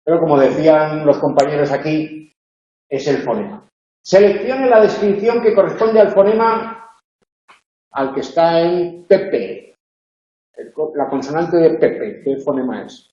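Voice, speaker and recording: The recording is lo-fi and dull, made in an echoey classroom where a male university lecturer leads a phonology tutorial. He has a fairly high, mellow voice and a measured pace, explaining each step and frequently using "eh" and tag questions.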